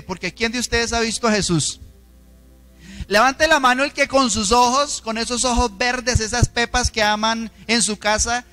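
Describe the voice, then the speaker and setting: A man with a Colombian accent preaching a sermon in a church, emphatic and dramatic, often asking the congregation questions. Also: sharp tone. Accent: Colombian Spanish. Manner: dramatic, emphatic delivery with shifting pitch. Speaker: pastor.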